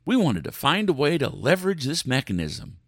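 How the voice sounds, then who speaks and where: A male podcast host with a dramatic, extremely animated delivery that leaps and dips in pitch. He reads news aloud and comments with sarcasm and mock outrage, in a close, very dry recording. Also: brisk, dry recording.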